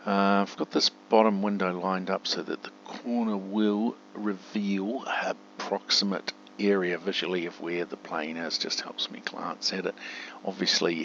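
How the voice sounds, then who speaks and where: Thinking aloud over a simulator playthrough, a man offers chatty commentary and voices radio commands. His low, creaky voice has a bright, forceful tone. The recording, made at home, is dull and muffled with a faint hum.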